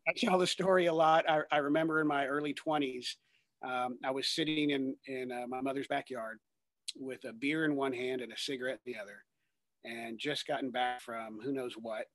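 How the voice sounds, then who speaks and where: A man's voice: mid-range voice, steady tone, moderate pace, fairly bright tone, no echo. A man in his thirties, a ministry worker and guest, talking earnestly in a rambling way with many fillers and restarts. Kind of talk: conversational testimony.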